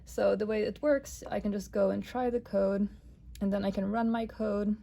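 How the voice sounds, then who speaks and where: A young woman from Romania, a startup cofounder and developer, answering interview questions and showing visitors around her office in a relaxed way, often saying "um" and "I guess". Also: medium pitch, normal speed, gravelly, poor audio. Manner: relaxed, many "um" and "I guess" fillers. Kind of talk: casual interview and office tour.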